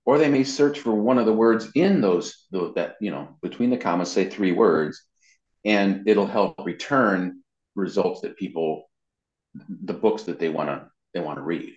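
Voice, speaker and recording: Being interviewed as a web marketing consultant, a man gives casual explanations in a low, slightly mellow voice at a measured pace, frequently repeating words. The audio sounds muffled and dull, with a roomy echo.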